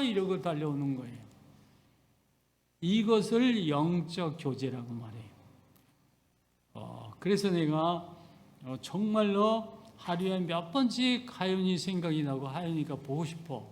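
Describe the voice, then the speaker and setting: High-voiced pastor preaching in a reverberant hall. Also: male voice, a little mellow. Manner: folksy storytelling that acts out family dialogue. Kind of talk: sermon. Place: church sanctuary. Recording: long church hall reverb.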